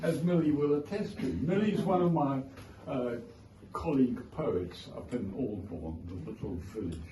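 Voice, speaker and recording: At his book launch in an indoor art gallery, a South African-accented author tells wry, wandering anecdotes in an informal speech to the crowd. His medium-pitched voice is expressive at a normal speed, picked up distant and noisy amid the gallery's echo.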